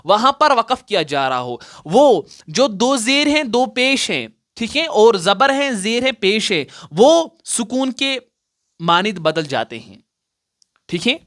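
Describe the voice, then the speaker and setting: A man's voice: high-pitched, a bit bright. A man teaching Quran recitation rules, patiently repeating each point and asking his students questions before answering them. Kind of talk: explaining recitation rules at a board.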